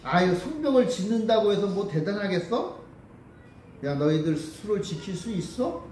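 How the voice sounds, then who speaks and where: A man's voice: on the high side, normal speed, a little mellow, reverberant, far from the mic, a little hiss or hum, natural voice. A man preaching, putting on the voice of a scornful male tempter spirit who asks belittling, taunting questions. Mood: mocking.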